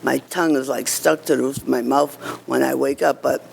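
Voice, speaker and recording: A man giving informal, earnest testimony to a committee, halting and conversational, with slightly slurred speech as if one side of his mouth is numb. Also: medium pitch, fairly even intonation, gravelly, a little hiss or hum. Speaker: cancer survivor giving public testimony.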